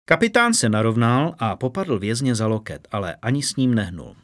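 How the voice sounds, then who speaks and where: A man narrating a fantasy story in a steady, measured audiobook reading. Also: medium pitch, no room sound.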